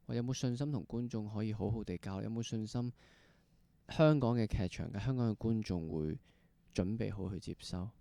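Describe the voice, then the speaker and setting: This interviewer and podcast host speaks with a Hong Kong Cantonese accent, conversing in an exploratory way and rewording his long questions at length. He sounds on the low side, brisk, gravelly and dark, on a dry recording.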